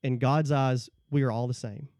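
A man's voice: mid-range voice, steady tone, normal speed, a little mellow, dry recording, studio quality. A man talking about the Bible in a casual discussion, laying out points one by one and often checking in with "okay?". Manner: explains point by point, tags lines with "okay?". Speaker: guest.

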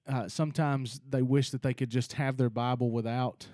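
Guy hosting a chat about scripture, warm low-key tone, keeps restarting his sentences, dry close sound. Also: fairly even intonation, normal speed, no room sound. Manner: earnest, thinks aloud with many restarts. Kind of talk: casual faith discussion.

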